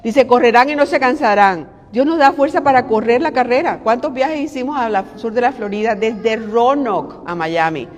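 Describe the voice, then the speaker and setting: A middle-aged woman giving a devotional sermon in an animated, conversational way, full of rhetorical questions. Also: fairly high pitch, normal speed, hardly any pauses. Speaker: preacher and devotional host. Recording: long hall reverb.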